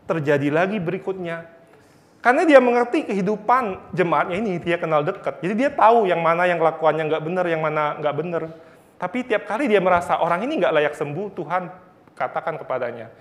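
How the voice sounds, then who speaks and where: A man's voice: high-pitched, expressive, a little fast. A man preaching a sermon, earnest and telling stories with repeated phrases. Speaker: Bible teacher.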